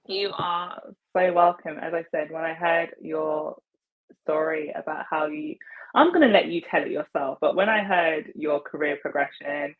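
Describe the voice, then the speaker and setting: Over a video call on earbuds, this podcast host interviews her career-podcast guest in a casual, effusive, enthusiastic chat. Her voice is low and steady at normal speed, and the audio is narrow and tinny.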